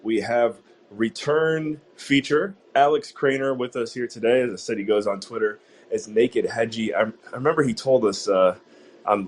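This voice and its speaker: A man hosting an online talk show, chatting casually with many fillers and restarts. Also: fairly low pitch. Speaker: podcast host. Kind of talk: casual interview chat.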